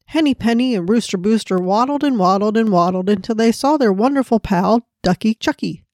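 A woman's voice: mid-range voice, lively intonation, a little fast, no room sound. Earnest woman, close dry mic. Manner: earnest, prayerful, gently storytelling. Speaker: podcast host. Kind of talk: devotional podcast and storybook narration.

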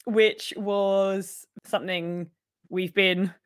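A young woman co-hosting a podcast, with a croaky, husky voice, chatting and laughing as she rambles. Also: mid-range voice, fairly even intonation, very slow, no room sound, studio quality. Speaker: podcast co-host. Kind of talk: casual podcast chat.

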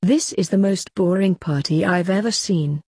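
A woman reading the lines of a blunt, sarcastic teenage girl in a sci-fi story, in a husky voice. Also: lowish voice, moderate pace, a little mellow, dry recording, clean studio sound.

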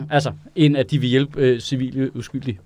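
A man's voice: medium pitch, fairly even intonation, no echo. A man in casual podcast chat, loose and profane, laughing often.

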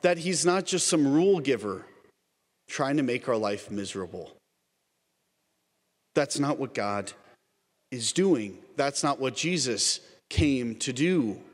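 Slow-speaking preacher man in a reverberant church. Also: medium pitch, lively intonation. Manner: earnest, repetitive, addresses listeners as "everyone". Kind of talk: Lent sermon.

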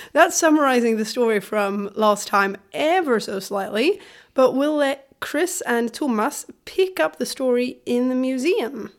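A woman from Sweden co-hosting a podcast in a conversational way, her voice gravelly from a cold. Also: on the high side, lively intonation, a little slow. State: has a cold. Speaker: podcast co-host.

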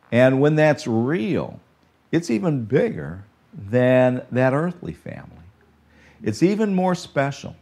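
An older man preaching a sermon, earnest and warm in content, swinging between emphatic lines and soft, drawn-out phrases. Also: medium pitch. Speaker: pastor.

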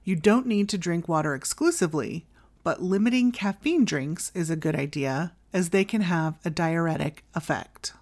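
A woman with a somewhat low voice presents a solo advice podcast. She reads from a script in a tidy, instructional manner. Her guidance comes as short, clear directives. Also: expressive, normal speed, a little mellow. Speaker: podcast host.

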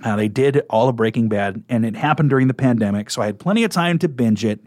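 A man's voice: mid-range voice, fast talker, a little mellow, no room sound, clean studio sound. A man chatting casually and enthusiastically as a guest on a radio interview program. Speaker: radio talk show guest and coworker.

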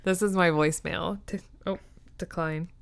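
A woman's voice: on the low side, fairly even intonation, normal speed, vocal fry, background noise. A young woman co-hosting a podcast, chatting with a dry, teasing humor and frequent laughter. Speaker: podcast co-host. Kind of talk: casual chat.

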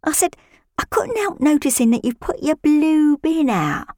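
Woman doing a nosy neighbour, 50s, comic monologue, chatty and deadpan, higher voice, dry close sound. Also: moderate pace, no room sound. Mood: gossipy. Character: nosy gossiping married woman spying on neighbour.

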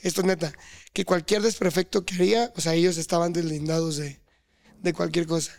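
A man's voice: on the high side, brisk, vocal fry. A young man with a Mexican Spanish accent, telling embarrassing school stories in a casual chat and acting out other people's lines. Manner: animated, acts out other people's lines with loud shouts. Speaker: podcast guest.

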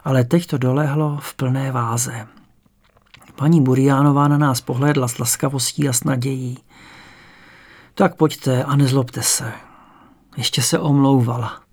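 A man calmly reading a memoir-style story aloud as an audiobook narrator. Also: medium pitch, slightly rough.

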